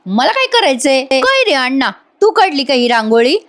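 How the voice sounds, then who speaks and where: A jealous older aunt who snaps back with scorn, her lines pitched a bit high, as a woman puts her on. The delivery is short and dismissive. It is a spoken story retelling. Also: sing-song, moderate pace, fairly bright tone. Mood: scornful. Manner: snappy, scornful.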